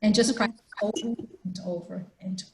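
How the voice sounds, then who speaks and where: A woman theater teacher leading an online acting workshop over a video call, talking in an animated way. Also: mid-range voice, brisk. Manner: animated, demonstrates voices. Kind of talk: online badge workshop talk. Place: home room. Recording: roomy echo.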